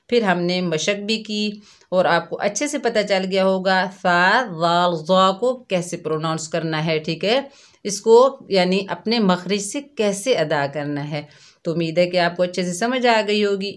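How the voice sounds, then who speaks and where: A woman with a Pakistani Urdu accent teaching Quran pronunciation to children, drawing out each syllable and repeating drills patiently. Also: lowish voice. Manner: addresses pupils warmly as dear children. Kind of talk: slow, patient tajweed lesson for children.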